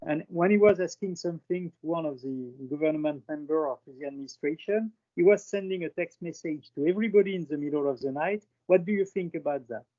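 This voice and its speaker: A man's voice: fairly high pitch, fast, few pauses, dark tone. A man with a French accent, talking casually on a video call, hesitant, with many fillers and restarts. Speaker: presenter on France in a video call. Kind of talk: casual chat. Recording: dull lo-fi call audio.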